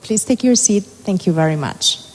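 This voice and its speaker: A woman's voice: medium pitch, expressive, moderate pace, a little mellow, breathy edge. A woman acting as master of ceremonies, making courteous, formal introductions. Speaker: master of ceremonies at official meeting. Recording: reverberant hall.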